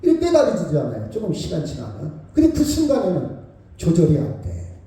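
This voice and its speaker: A middle-aged male pastor preaching with a lively, high-pitched voice that leaps up and drops to a hush. His tone is dark and mellow despite the pitch, and he often turns to the congregation to ask for agreement. The sound comes from a distance and rings through a very echoey church. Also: fairly quick. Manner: animated, swings between loud exclamations and hushed asides; addresses the congregation directly, often asking for agreement. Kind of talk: sermon. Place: church sanctuary. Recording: very echoey church hall, mic far off.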